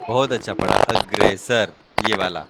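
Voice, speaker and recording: A man teaching a one-on-one reading lesson, patiently explaining letter by letter and repeating each word slowly. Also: lowish voice, creaky, heavy background noise. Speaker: language teacher.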